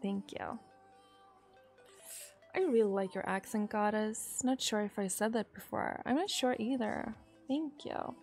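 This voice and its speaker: Soft background music accompanies a Swedish-accented woman in her thirties from Sweden as she reads viewer messages on a live stream. Giggly and chatty, with drawn-out pauses and a darkish tone, she talks casually into a boom-arm desk mic in a small room.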